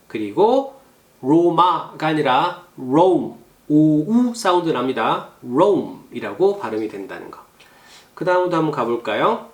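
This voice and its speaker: Lively-voiced man teaching pronunciation. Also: on the high side, roomy sound. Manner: models English words slowly and repeats them, then explains in quick casual speech. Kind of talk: recorded video lecture.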